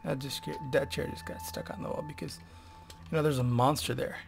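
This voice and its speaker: A man's voice: mid-range voice, steady tone, a little fast, creaky. A man giving let's play commentary on a horror game, jumpy and nervous, swearing and often dropping to whispers near his microphone. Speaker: gamer playing a horror game. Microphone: desk microphone.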